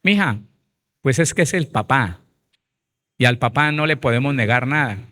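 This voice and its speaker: A man's voice: mid-range voice, lively intonation, moderate pace, bright, forceful tone, in a large hall. A man voicing an old grandmother giving naive advice in a raised, coaxing tone.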